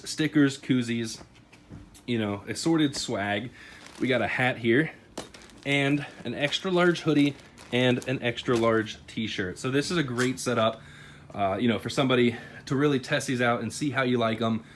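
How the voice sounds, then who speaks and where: A medium-pitched American YouTuber speaks at normal speed in a chatty, informal manner, reviewing a product and talking about a giveaway directly to camera, over a clearly noisy ambient background.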